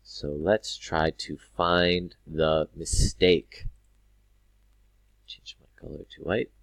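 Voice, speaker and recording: A man teaching English to learners, drawing out words carefully and breaking into loud acted exclamations. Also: rumbling low, fairly even intonation, gravelly, dry recording. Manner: drawn-out, overly careful pronunciation with sudden loud acted exclamations. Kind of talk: slow, clear teaching for learners.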